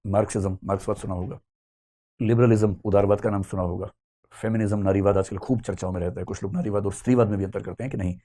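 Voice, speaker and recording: A middle-aged man lectures a classroom in a relaxed, conversational way, pausing to put questions to the students. His voice sits a little low and sounds warm and mellow. He talks quickly. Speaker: teacher.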